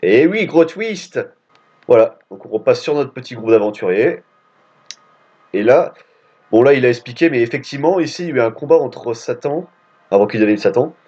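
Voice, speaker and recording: A man's voice: medium pitch, darkish tone, slightly rough. A man hosting a let's play, chatting casually and rambling as he plays, with frequent casual swearing. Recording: dull lo-fi audio with game music. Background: game music.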